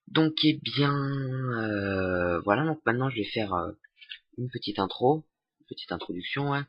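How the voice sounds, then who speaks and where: A young man giving a casual software tutorial, hesitant with many fillers and restarts. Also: mid-range voice, animated, unhurried, no room sound. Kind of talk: casual screen-recorded tutorial. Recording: dull lo-fi desktop mic.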